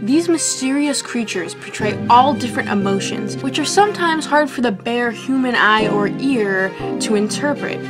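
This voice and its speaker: A woman's voice: on the high side, moderate pace, few pauses, over music. Young woman, mock-serious comedic vlogger. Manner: mock-scientific deadpan delivery with casual swearing. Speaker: YouTuber. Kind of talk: comedic vlog.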